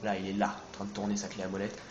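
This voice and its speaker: A man's voice: on the low side, monotone, rapid-fire, a little mellow, dull audio. Brief: casual let's play commentator, male, chatty and loose-tongued, roomy sound. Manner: chatty, rambling, swears casually. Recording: echoey room, game music behind.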